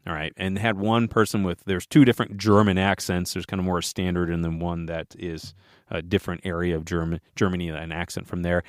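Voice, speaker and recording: One of a podcast's co-hosts, a man with a lowish voice, chats casually and rambles, full of fillers and restarts. The sound is clean studio audio with no echo.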